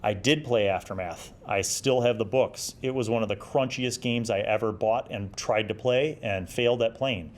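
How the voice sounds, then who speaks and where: Speaking at a normal speed with hardly any pauses, a middle-aged man with a fairly low voice hosts a review series. It's a casual, chatty magazine review, and he comments enthusiastically in a loose, rambling way while flipping through the pages.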